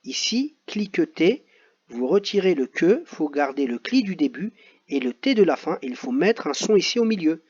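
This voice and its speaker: A man's voice: a little high, big pitch swings, a little mellow, breathy edge. Man teaching young pupils, repeating words. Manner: slow, repeats each word twice. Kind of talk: reading exercises aloud to young pupils. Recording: dull lo-fi audio.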